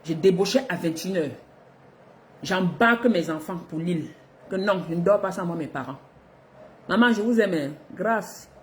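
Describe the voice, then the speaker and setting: A middle-aged woman from Africa, telling a personal story to her viewers in a lively, expressive way, laughing between lines. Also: on the low side, slight background noise. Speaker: vlogger.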